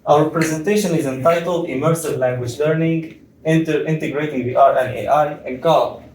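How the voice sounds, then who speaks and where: A man's voice: fairly high pitch, moderate pace, a little mellow, slight background noise. Tunisian man presenting in an echoey room. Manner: explanatory, with frequent hesitations. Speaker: PhD student presenter. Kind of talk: conference presentation. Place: conference room. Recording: echoey room, far from mic.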